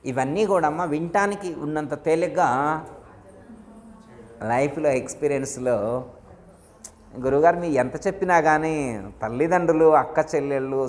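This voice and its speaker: A man, a guru, giving a devotional discourse to his disciples, telling stories and asking his listeners questions. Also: a little high. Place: ashram hall. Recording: long hall reverb.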